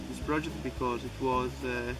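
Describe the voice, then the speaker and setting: Flat-voiced hesitant young man. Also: medium pitch, normal speed, noisy background. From Peru. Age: young adult. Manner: hesitant, broken phrasing. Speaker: volunteer. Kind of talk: interview answers. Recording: distant mic with loud music.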